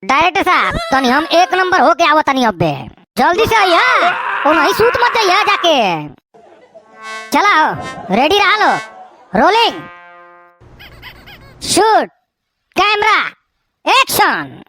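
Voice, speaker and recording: A woman's voice: very high-pitched, sing-song, takes it slowly, long pauses, sharp tone, soft background music, full character voice. A woman with a Bhojpuri accent voicing bickering village men and a fussy film director in a comedy cartoon, teasing and stammering through the lines. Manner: teasing, quarrelsome banter with stammers. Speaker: cartoon voice actor.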